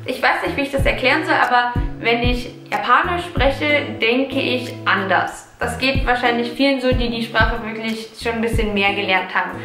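Here a vlogger in her twenties from Germany chats from the sofa in her living room, responding to viewers' questions in a relaxed, reflective way and sometimes pausing to find the right words. Her voice is high, the room lends it a clear echo, and music plays quietly underneath.

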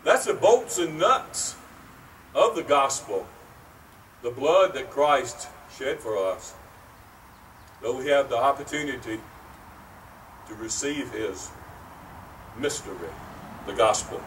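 A middle-aged man preaching a sermon at an outdoor pulpit beside a brick church, speaking slowly and earnestly with pauses, picked up by a distant camera microphone. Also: mid-range voice, lively intonation, a bit bright. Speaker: pastor. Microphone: far camera, at a wooden pulpit. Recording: distant outdoor mic, faint noise.

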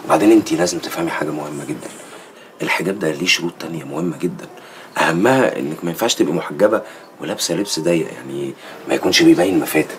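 A man's voice: a bass voice, rapid-fire, slight background noise. An actor with an Egyptian accent playing a pious man who lectures his sister on religious rules. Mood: preachy. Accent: Egyptian Arabic. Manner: preachy, lecturing. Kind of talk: Egyptian TV drama acting.

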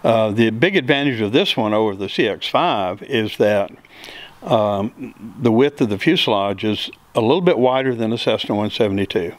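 In an open hangar, the interviewer holds a handheld mic while a middle-aged aircraft builder and pilot answers questions plainly, step by step, with plenty of fillers. His voice is fairly low with lively intonation, his pace moderate, and the recording dry.

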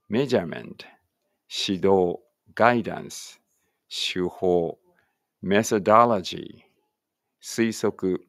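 In a gravelly, low voice, a Japanese-native male English teacher works deliberately through a vocabulary list one word at a time, slipping in casual explanations and chatty asides. The sound is dry and studio quality.

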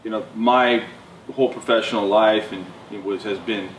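A man with a fairly low voice reminisces in an easygoing way, leaning on fillers as he talks. He is heard from a distance. The room is roomy with faint ambience behind him. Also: steady tone, moderate pace, slight background noise. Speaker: wheel builder interviewee. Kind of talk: casual interview recollection. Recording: distant mic, roomy echo.

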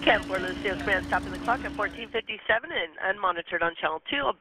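Fast, high-pitched male radio dispatcher. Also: bright, forceful tone. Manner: urgent firefighter radio talk, procedural read-backs. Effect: two-way radio. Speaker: fire dispatcher. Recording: noisy radio with vehicle noise.

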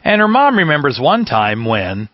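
Male narrator, animated delivery, dry muffled voice-over. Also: fairly high pitch, normal speed, no echo. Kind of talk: scripted narration.

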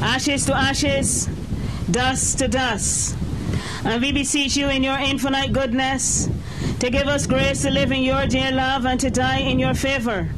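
A man leads a burial service, reciting the committal prayers in a slow, solemn, measured way. His voice sits very high and barely moves in pitch. Passing traffic can be clearly heard outdoors behind him. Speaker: officiant. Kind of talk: reading a graveside committal liturgy.

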